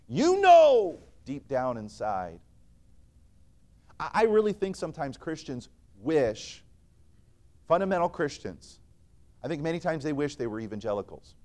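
In church, a man preaches an earnest, emphatic sermon, his volume rising and falling as he recites scripture in archaic wording. His voice runs fairly high with wildly swooping pitch, and he speaks unhurriedly, pausing often.

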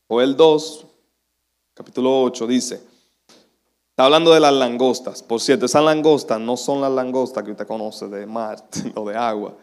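A man's voice: medium pitch, normal speed. A young man preaching a sermon as a pastor, chatty and self-deprecating, laughing often.

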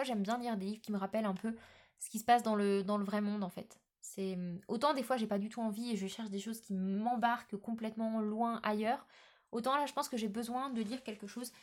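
A woman talking casually in a book vlog, often hesitating with filler sounds and restarts. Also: mid-range voice. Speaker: book vlogger.

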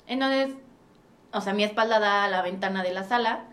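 A woman with a Mexican accent hosting a casual podcast, slangy and expressive, acting out the lines of the people in her stories. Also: medium pitch, moderate pace. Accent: Mexican Spanish. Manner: expressive, slangy, acts out dialogue. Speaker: podcast host.

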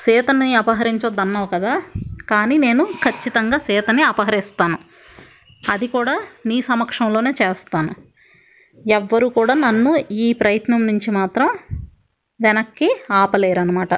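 A woman's voice: on the high side, normal speed, lightly acted. A woman voicing an arrogant male demon king who scolds and threatens in a storytelling reading. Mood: scolding. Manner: domineering, scolding. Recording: dull lo-fi recording.

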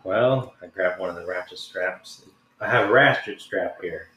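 A man's voice: deep voice, normal speed, bright, forceful tone. A man playing a character in a tabletop game, talking in a laid-back, hesitant way. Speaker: player. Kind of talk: casual tabletop play. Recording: echoey room with faint noise.

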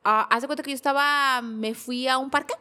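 A woman's voice: high-pitched, fairly even intonation, brisk, pushed and bright. A woman in her forties with a Mexican accent, telling an interviewer about her hard past, repeating words as she goes. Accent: Mexican Spanish. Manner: emotional, repetitive storytelling. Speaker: guest. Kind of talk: personal testimony in a podcast interview.

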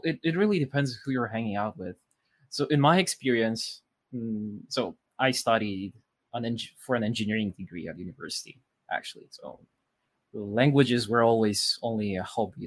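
At a normal speed and fairly low pitch, a thirty-year-old native Polish speaker from Poland chats loosely in a podcast interview. He restarts phrases and leans on fillers, and the recording is dry.

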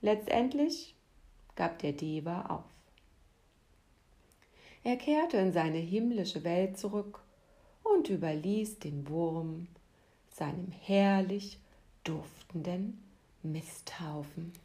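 Slow, soft-spoken woman storyteller. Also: on the low side, lively intonation. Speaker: podcast host and storyteller. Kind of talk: calm storytelling narration.

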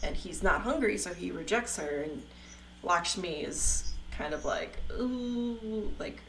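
A woman's voice: lowish voice, a little slow, a little hiss or hum, low-quality recording. A young woman chatting casually, recapping a story and acting out the characters' lines. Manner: animated retelling, acting out quotes.

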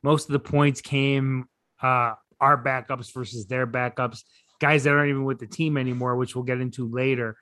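A man co-hosting a casual sports podcast, relaxed and rambling with lots of fillers and restarts. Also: mid-range voice, normal speed, dry recording, studio quality. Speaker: podcast co-host.

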